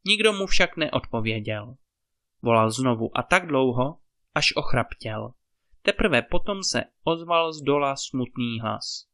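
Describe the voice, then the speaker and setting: A man reading a fairy tale aloud as a storyteller, in calm, measured narration. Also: mid-range voice.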